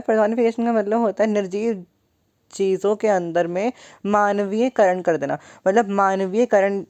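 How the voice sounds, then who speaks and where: Slow, low-voiced playful woman teacher. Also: mellow. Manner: playful, talks to students as 'beta'. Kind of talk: online lesson.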